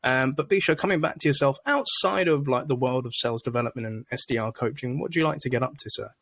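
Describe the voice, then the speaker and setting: A man's voice: medium pitch, quick pace, gravelly, fairly bright tone, no room sound. A man hosting a podcast, upbeat and chatty as he introduces his guest. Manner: upbeat, chatty, many fillers. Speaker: podcast host. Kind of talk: casual interview.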